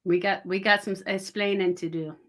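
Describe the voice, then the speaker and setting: A middle-aged woman with a Texas accent chatting casually, her R's and W's blurring together so R's come out soft and w-like. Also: mid-range voice, fairly even intonation, fairly quick. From Texas, United States. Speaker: guest, author and audiobook voice actor. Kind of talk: casual chat.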